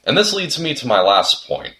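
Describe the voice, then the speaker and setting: A man's voice: mid-range voice, huge pitch swings, normal speed, bright, forceful tone. A young man narrating a scripted video essay, earnest and reflective, with the odd sudden comic outburst.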